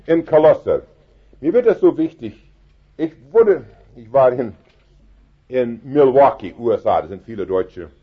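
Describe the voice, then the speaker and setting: A man preaching an evangelistic sermon, fervent and penetrating, dropping soft and then rising to loud emphatic cries. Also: mid-range voice, expressive, unhurried, long pauses, husky, highs cut off.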